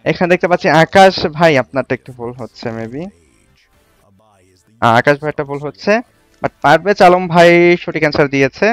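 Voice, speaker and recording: A man hosting a casual live stream, chatting with viewers and reading their comments out as he quizzes them. His voice is smooth and clear, a little higher than most men's. The sound is dry and close, with no room echo. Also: normal speed, long pauses, faint music behind. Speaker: livestream host.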